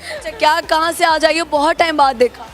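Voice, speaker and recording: A woman hosting a casual comedy chat, hoarse-voiced, with a teasing, playful way of questioning. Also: sits high, fairly quick, soft background music. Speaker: host.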